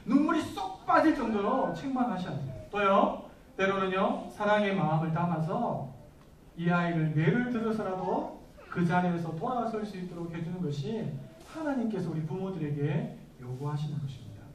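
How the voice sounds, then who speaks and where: A pastor in his thirties preaches a sermon with a fairly high voice, putting questions to the congregation and answering them himself. He is recorded from some distance in an echoey church hall, with a little room noise underneath. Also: lively intonation, normal speed.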